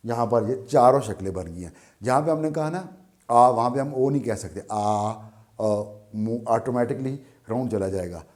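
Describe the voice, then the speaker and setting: A man with a Pakistani Urdu accent teaching a beginner language lesson, slow and patient, repeating each sound many times. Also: mid-range voice, a little mellow.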